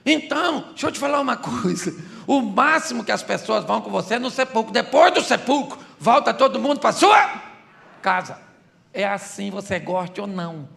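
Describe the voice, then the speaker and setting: A man's voice: sits high, gravelly, pushed and bright. A man preaching a humorous sermon as a pastor, in Brazilian Portuguese, joking and asking the crowd questions.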